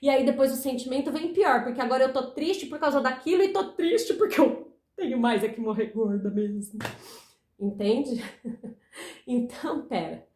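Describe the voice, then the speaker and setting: A woman giving an animated self-help talk to viewers, repeating phrases for emphasis and acting out inner voices. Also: high-pitched, normal speed, roomy sound.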